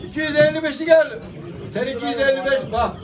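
A man's voice: extremely high pitch, fast. A middle-aged man working as an auctioneer, calling out bids and repeating prices insistently. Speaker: auctioneer at a live poultry auction. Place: small indoor auction room with caged birds. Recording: distant mic, noisy crowd with bird sounds. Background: crowd chatter, chickens and pigeons.

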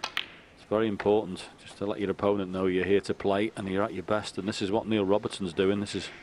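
A man giving hushed, unhurried and reflective snooker commentary. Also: on the low side, flat delivery. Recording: noisy arena ambience behind voice. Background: snooker arena ambience.

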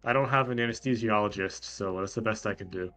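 A man improvising as a doctor in a game role-play, talking in a halting, conversational way. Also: fairly low pitch, fairly bright tone, soft background music. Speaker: player acting as a clone-making doctor.

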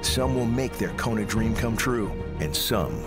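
A man reading scripted documentary narration in a measured, dramatic way. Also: on the low side, lively intonation. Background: music.

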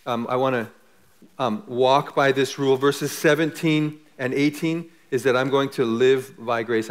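A middle-aged man, a pastor, preaching a sermon with rising emphasis and closing in quiet prayer. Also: medium pitch.

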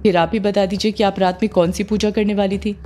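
A woman's voice: mid-range voice, level tone, a little fast, dark tone, soft background music, close to an everyday voice. Woman voicing a suspicious young guy, pushy, probing questions, storybook. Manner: pressing, probing.

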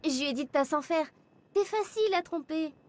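A woman's voice: high-pitched, animated, fairly quick. A woman in a French game dub playing a cheerful, teasing ten-year-old girl. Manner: bright, chatty and teasing.

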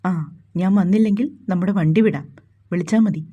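A woman's voice: on the low side, a little fast, narrow, tinny audio, natural voice. A woman voicing a stern, protective young man, speaking curtly and bossily. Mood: bossy. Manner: curt, bossy.

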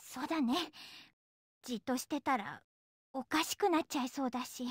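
A woman playing a frightened teenage schoolgirl in a Japanese horror game, girlish and expressive in her fearful delivery. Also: high voice, normal speed, slightly rough, dry recording, studio quality. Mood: tentative hope.

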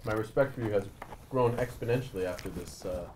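Fast-talking man in his thirties, chatty. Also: on the low side, darkish tone, breathy edge. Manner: quick, chatty, teasing and full of praise. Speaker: guest journalist. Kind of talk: casual chat. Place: studio set with shelves of collectibles. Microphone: lapel mic.

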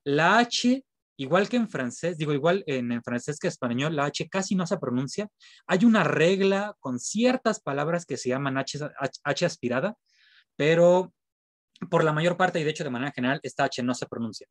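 A man's voice: on the high side, expressive, no room sound. Patient man teaching, dry sound. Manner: patient, spells out sounds slowly and repeats them. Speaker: French teacher. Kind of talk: online class lecture.

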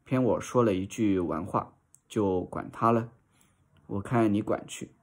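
A teasing, quick-tempered young maid, read by a man banters and snaps in turn. The delivery is slow and lowish, as in a storybook reading. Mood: bantering.

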